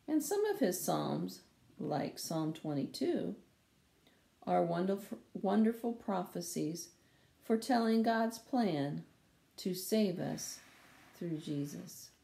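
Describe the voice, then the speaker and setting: A woman in her sixties, a Sunday school teacher, reading a Bible lesson for children slowly and carefully at home on a laptop camera, now and then correcting a small slip. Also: on the low side, sing-song, vocal fry, warm tone. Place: small room at home, wooden door behind. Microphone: webcam or laptop camera at close range. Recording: echoey room.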